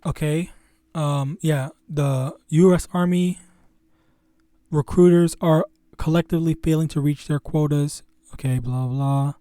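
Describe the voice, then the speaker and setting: A man with a fairly high but dark, mellow voice teaches scripture casually on his own channel. He stumbles and stutters, circling back with "um" and "you know" as he talks. The sound is dry and close. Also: fairly even intonation, no room sound. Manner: halting and stuttering, heavy with fillers. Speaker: host of a religious teaching channel.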